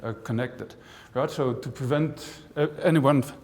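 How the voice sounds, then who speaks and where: A man's voice: medium pitch, measured pace, darkish tone. A man who grew up in the Netherlands, a university professor giving a conversational conference talk to an audience, with dry jokes and frequent asides. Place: large auditorium. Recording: long hall reverb from a large auditorium.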